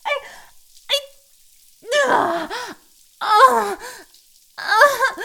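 In an adult audio roleplay, a young woman fully voices a needy, submissive catgirl in a very high register. She pleads in breathy sighs and stammers.

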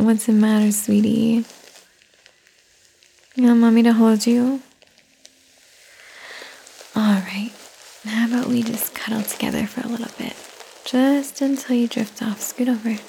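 A woman in an ASMR caretaker roleplay, speaking softly and soothingly, often in a whisper, close to the microphone. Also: a little high, gravelly, a little hiss or hum, rough recording.

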